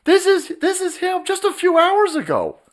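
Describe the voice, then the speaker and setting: A man's voice: very high-pitched, huge pitch swings, normal speed. A man on a live stream, ranting in a profane, mocking way and laughing often.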